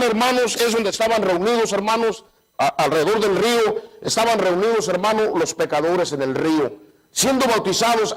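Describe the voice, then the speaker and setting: A man preaching a sermon in a church, repeatedly asking the congregation to say amen and swinging between loud raised phrases and low asides. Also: low-quality recording. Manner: call-and-response, repeating "¿cuántos dicen amén?" and "hermanos"; restarts and repeats phrases often.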